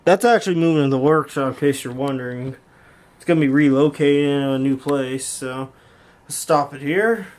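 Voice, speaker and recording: Holding the camera himself in a room at home, a man shows off intercom equipment for a YouTube hobby video, talking casually and repetitively as he rambles through the hands-on demo. He speaks at normal speed in a mid-range, slightly mellow voice.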